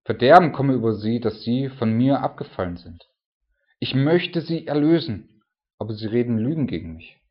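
A man with a husky voice delivers a casual sermon, reading scripture and then talking it through loosely with fillers and tag questions. The recording sounds dull and lo-fi. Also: mid-range voice, expressive, normal speed. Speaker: preacher. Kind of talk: conversational sermon with Bible reading.

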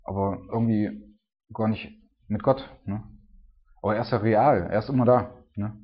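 Male preacher, low and husky, chatty sermon delivery, keeps checking in with listeners, muffled lo-fi sound. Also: fairly even intonation, moderate pace. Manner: conversational, frequent tag "ne?" and "so". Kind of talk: casual sermon.

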